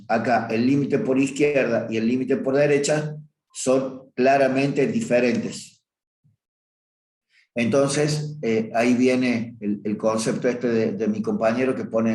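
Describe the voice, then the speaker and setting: A man's voice: medium pitch, a little mellow. A man teaching a review class on limits, talking through a graph and stopping often to correct himself. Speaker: math teacher. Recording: roomy echo.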